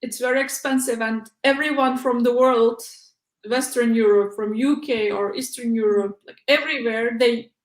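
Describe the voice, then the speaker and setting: Recorded with reverb, a young woman from Uzbekistan talks in a slightly high, steady tone as a PhD researcher guest in a laid-back interview. English isn't her first language, and she speaks haltingly, restarting often and saying "like" and "uh" a lot.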